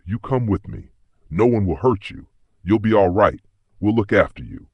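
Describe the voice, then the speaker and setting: Man playing a clipped, brisk police inspector. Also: lowish voice, expressive, breathy edge, no echo, lo-fi sound, voice pushed up. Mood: gentle. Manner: clipped, explosive sentences. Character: brisk middle-aged male police inspector.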